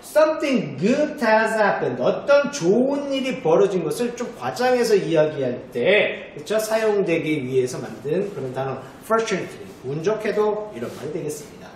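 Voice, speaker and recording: Animated high-voiced man teaching in an echoey room. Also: a little slow, hardly any pauses. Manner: chatty, keeps asking "right?" to check on students. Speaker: English teacher. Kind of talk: vocabulary lecture to students. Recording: very echoey room with faint noise.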